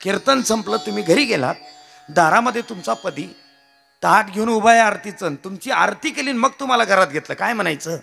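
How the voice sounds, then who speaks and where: A man with a Marathi accent delivers a devotional kirtan sermon in a high, swooping voice with a bright, gravelly edge. He jokes with the crowd, calls them maharaj and pushes them to shout answers back, while a plucked string instrument plays faintly behind him. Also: animated, normal speed, faint music behind. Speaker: kirtan preacher.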